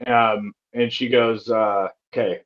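A man in his thirties co-hosting a podcast, retelling movie scenes in a rambling, animated way with many fillers. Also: on the low side, slow. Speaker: podcast co-host. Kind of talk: casual chat. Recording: dull lo-fi sound.

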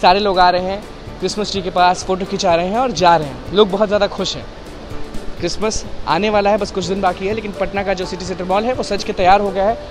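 A young man reports from inside a large shopping mall, his voice pitched high and upbeat. He repeats phrases in a presenter's patter as he speaks into a handheld mic. Clear music plays behind him. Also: fairly even intonation, quick pace. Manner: upbeat, repetitive presenter talk. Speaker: street reporter. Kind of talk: vox-pop reporting.

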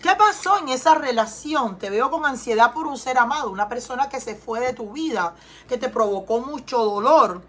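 High-voiced Cuban woman reading tarot. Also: animated, moderate pace, fairly bright tone, slightly rough. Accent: Cuban Spanish. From Cuba. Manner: earnest, repeats questions and asks viewers to respond. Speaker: tarot reader. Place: home in Texas.

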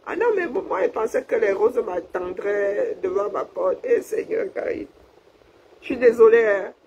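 A woman's voice: a little high, very animated, unhurried, creaky, a little mellow, lo-fi sound, slight background noise. A woman from Cameroon, chatting casually on a livestream, laughing often and thanking her viewers. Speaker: livestream host. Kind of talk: casual live chat with viewers.

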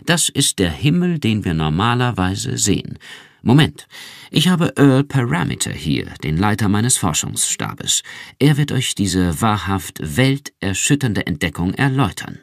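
A man's voice: fairly low pitch, sing-song, unhurried, creaky, dry recording, studio quality, exaggerated voice. A man reading an audiobook, voicing a friendly, showy male television host with a genial announcer tone.

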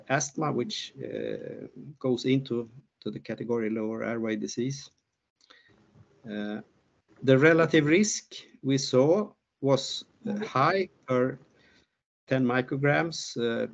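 An older man presenting research findings on a video call, hesitant with many fillers and restarts. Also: medium pitch. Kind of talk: online conference talk and Q&A. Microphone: laptop mic on video call. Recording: muffled video call audio.

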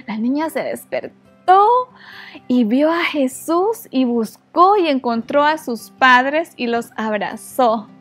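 A woman narrates a Bible story for children with a high, expressive voice. She speaks gently and turns to her young listeners with questions, and faint music plays behind her. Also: slow.

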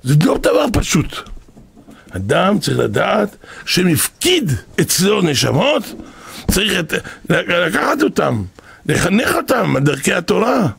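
An older man who is a rabbi, giving an impassioned Torah lesson that often rises to shouts and repeats itself. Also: high-pitched, sing-song, vocal fry, breathy edge. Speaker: rabbi teaching a class.

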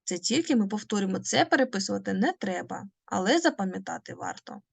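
A woman teaching a language lesson, patient and methodical, who asks questions and answers them herself. She draws out each example word slowly. Her voice sits at an ordinary middle pitch, recorded dry and close with no room sound. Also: expressive, creaky, husky, no room sound. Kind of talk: online lesson explaining phonetics.

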